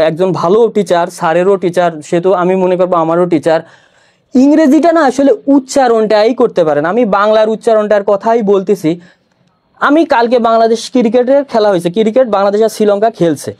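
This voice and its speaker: A man in his thirties, a Bangla teacher, giving a promotional talk to students in a lively, jokey way and acting out his examples. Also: high voice.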